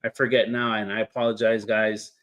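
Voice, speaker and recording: A man hosting a podcast, asking questions in a halting way with many restarts and fillers. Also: lowish voice, flat delivery, fairly bright tone, low-quality recording. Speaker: podcast host. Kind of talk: casual interview questions.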